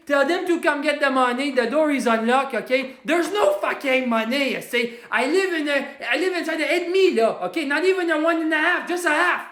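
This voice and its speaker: On a comedy livestream, a performer plays a hot-headed working-class Quebec man who stays angry all day, calling himself the Quebec Hulk and loudly ranting at viewer comments in broken English mixed with French. He has a strong Québécois French accent, and his voice sits high in a reverberant space.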